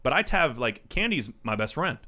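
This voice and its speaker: A man's voice: mid-range voice, sing-song, normal speed, sharp tone. A man in his thirties co-hosting a casual group chat, rambling and emphatic, swearing freely as he tells stories and gives advice. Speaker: podcast co-host.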